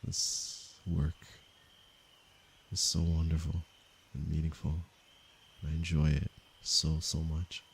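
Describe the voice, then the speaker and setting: A man from Canada, a meditation teacher, speaking softly and unhurriedly to viewers of his livestream. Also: very deep voice, completely flat delivery, vocal fry, slightly rough. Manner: slow, soft-spoken and unhurried, with pauses. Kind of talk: calm livestream talk to viewers.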